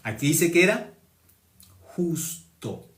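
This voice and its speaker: A man's voice: on the high side, very animated, slow, a bit bright, reverberant. A man preaching a sermon, emphatic and repetitive, quoting scripture at length. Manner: emphatic, repeats phrases, quotes scripture at length.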